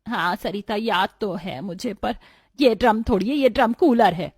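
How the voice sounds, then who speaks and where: A woman's voice: on the high side, animated, normal speed, mellow, slightly rough, no echo, studio quality. A woman voicing a middle-aged mother-in-law who is fussy but kind toward her sons. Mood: calm.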